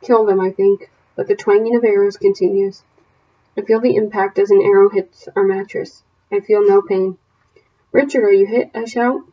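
A woman teacher reading a novel aloud to her class, then setting homework questions in a steady, plain voice with small self-corrections. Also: medium pitch, moderate pace, dull audio, slight background noise.

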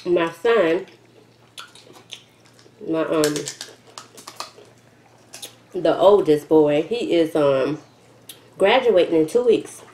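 Low-voiced woman chatting as she chews. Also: very slow, pauses often, warm tone. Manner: chewing while talking, eating. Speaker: mukbang vlogger. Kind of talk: casual chat to camera. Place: indoors at a table, kitchen setting. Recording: roomy echo with faint noise.

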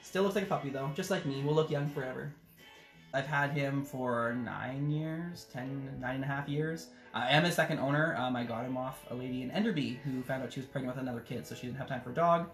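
A man's voice: medium pitch, a little fast, echoey room, faint music behind. A man hosting a children's storytime as a drag queen, chatting casually and playfully with viewers. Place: living room at home, indoors.

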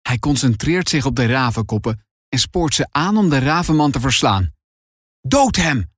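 Expressive guy narrating a kids' adventure story, swoopy voice, close dry mic. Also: mid-range voice, moderate pace, no echo. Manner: dramatic, expressive. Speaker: audiobook narrator. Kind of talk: scripted narration.

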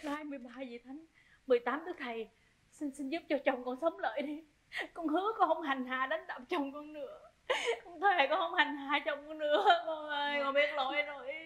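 A woman's voice: high voice, normal speed, sharp tone. An actress playing a bossy wife who wails and pleads over her husband, in a stage comedy sketch. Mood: pleading. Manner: theatrical wailing and pleading. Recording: live stage with audience laughter.

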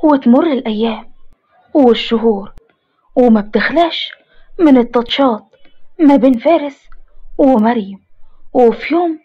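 A woman with an Egyptian accent narrating an animated story in a steady, expressive way. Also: a little high, moderate pace, pauses often, slightly rough, lo-fi sound. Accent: Egyptian Arabic.

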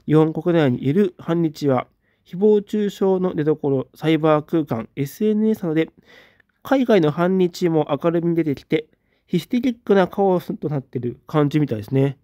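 A man in a casual livestream, reading out viewer comments and giving short, relaxed replies. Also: fairly high pitch, normal speed, no room sound, studio quality. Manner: relaxed, reads comments aloud with brief replies.

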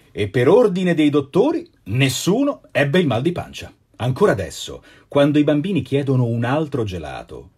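Guy reading kids stories live, husky voice, bouncing all over the place, kinda hammy and playful. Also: a little high, darkish tone. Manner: theatrical, playful, chatty asides. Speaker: actor and voice actor reading children's stories.

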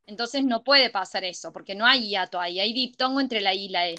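A woman's voice: medium pitch, fairly quick, sharp tone. A woman teaching a grammar class, often checking that students follow. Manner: checks understanding with frequent ¿sí? and ¿estamos?. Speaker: tutor.

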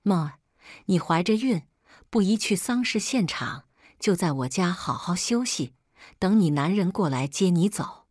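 A woman voicing a bossy, scheming middle-aged mother-in-law who talks in a shrill, domineering way in an audio story. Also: expressive, measured pace, darkish tone, no echo, studio quality. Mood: sly. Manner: shrill and domineering, wailing when upset.

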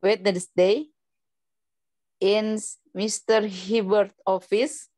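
A woman student practising a phone call in halting English with an Indonesian accent. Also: medium pitch, steady tone, dark tone, no echo. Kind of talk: role-play phone practice.

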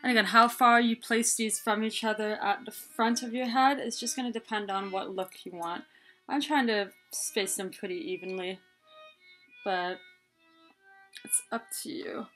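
The host of this head scarf tutorial, a young adult woman, talks viewers through each step in a relaxed, chatty manner from a small room with a plain wall. Her mid-range voice is steady and fairly bright at normal speed, with faint background music and poor audio.

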